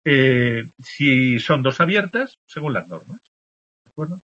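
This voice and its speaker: A male teacher from explains the rules for written marks, saying example words slowly and checking in with the class again and again. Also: mid-range voice, lively intonation, a bit bright. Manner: explains patiently, checks in with constant "¿de acuerdo?". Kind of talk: spelling lesson explaining accent marks. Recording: dull lo-fi recording.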